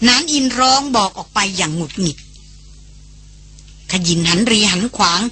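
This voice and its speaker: A woman narrating an adventure novel as an audiobook in a steady storytelling delivery. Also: mid-range voice, normal speed, husky.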